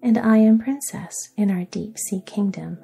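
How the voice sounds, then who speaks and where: Clea, a woman whispering as a gentle mermaid princess. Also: mid-range voice, moderate pace, vocal fry, slightly rough, faint music behind. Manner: soft and kindly. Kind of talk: whispered role-play.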